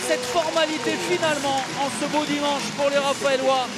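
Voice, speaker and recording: A man's voice: extremely high pitch, little pitch movement, normal speed. A man giving live commentary on a handball match. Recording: loud music under broadcast commentary.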